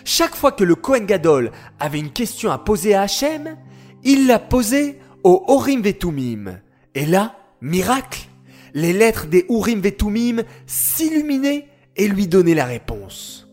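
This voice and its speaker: A man playing a knowing boy, children's story, patient, teacherly, slow, expressive pitch. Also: faint music behind. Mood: patient, warm.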